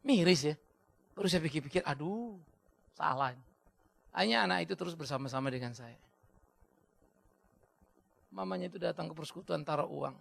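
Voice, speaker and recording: A male pastor delivers a sermon in a strongly gravelly, bright and sharp voice that sits high for a man. He swings between loud, pressing exhortation and soft storytelling. He drives home key phrases by repeating them and slips English words into his talk. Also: brisk, pauses often.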